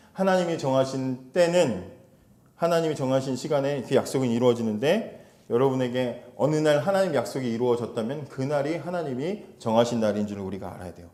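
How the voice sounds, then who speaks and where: A man's voice: medium pitch, mellow, echoey room. A male pastor preaching to a young congregation, talking conversationally, asking them questions and briefly acting out quoted voices. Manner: acts out quoted voices with sudden shifts. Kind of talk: sermon to a youth congregation.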